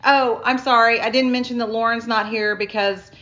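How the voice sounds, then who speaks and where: A chatty middle-aged woman with a slightly high voice co-hosts a relaxed podcast. She laughs often as she talks. The sound is dull and lo-fi, captured on a phone recorder. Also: normal speed. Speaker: podcast co-host. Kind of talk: casual chat.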